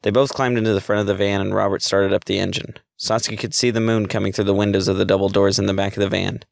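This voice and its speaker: A man reading a story aloud as narrator, in a steady, measured way. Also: lowish voice, gravelly, dry recording.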